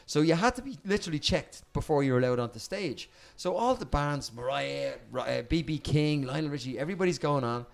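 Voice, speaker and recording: A Dublin Irish man, a podcast guest, telling animated stories in casual chat, repeating words and swearing freely. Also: on the high side, a little fast, creaky, few pauses. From Dublin, Ireland.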